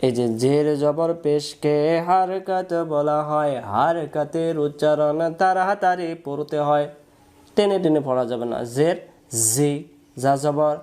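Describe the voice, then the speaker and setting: A man's voice: a little high, darkish tone. A man teaching Quran reading, who patiently spells out and repeats each syllable many times in a drill lesson.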